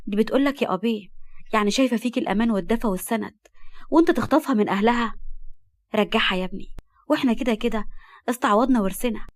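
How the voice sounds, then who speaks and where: أم مسنة قلقة تتوسل تؤديها امرأة. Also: female voice, a little high, very fast, long pauses, dry recording, clean studio sound, lightly acted. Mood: pleading. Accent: Egyptian Arabic. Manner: pleading, weary. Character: worried older mother, pious and pleading.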